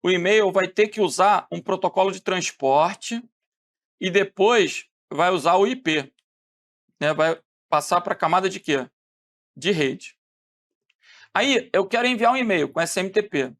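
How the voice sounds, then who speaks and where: A man from Rio de teaching a lively classroom lecture, asking the students questions and answering them himself. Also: sits high, unhurried, pauses often. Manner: animated, asks questions and answers them, acts out phone calls.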